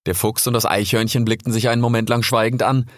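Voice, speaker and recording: A man calmly narrating a storybook aloud. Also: mid-range voice, fast, no echo, clean studio sound. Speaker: audiobook narrator.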